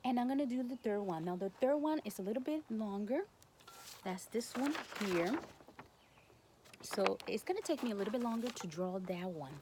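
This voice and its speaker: A woman who is a native Spanish speaker guides a listener through a spiritual healing session in accented English. Her voice sits at a medium pitch, and she talks in short, halting phrases with non-native grammar. There is noticeable noise in the background of the recording. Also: animated, darkish tone. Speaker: Reiki healer and instructor. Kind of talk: guided spiritual instruction to camera.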